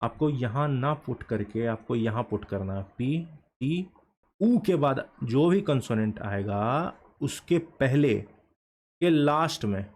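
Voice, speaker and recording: A man teaching a shorthand lesson in a classroom style, asking questions and answering them himself, repeating words slowly for emphasis. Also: mid-range voice, expressive, darkish tone.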